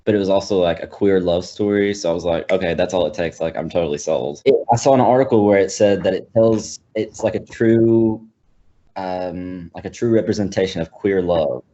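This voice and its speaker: A man's voice: sits low, a little fast, dark tone, highs cut off. A young man in casual film discussion, talking hesitantly with many fillers and restarts. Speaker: college student panelist.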